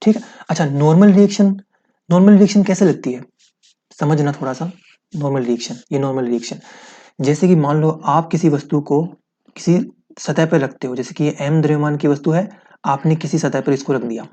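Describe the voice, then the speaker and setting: A man's voice: a little high, brisk, dark tone, dull audio. A man teaching a physics lesson, explaining step by step, asking his students questions and repeating key points.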